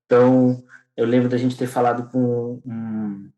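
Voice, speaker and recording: A young man speaks in a casual interview. His voice sits in the middle of the male range, and he pauses often, restarts his sentences and leans on small fillers as he tells his story. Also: medium pitch, level tone, warm tone, poor audio. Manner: hesitant, many restarts and fillers. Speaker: podcast guest.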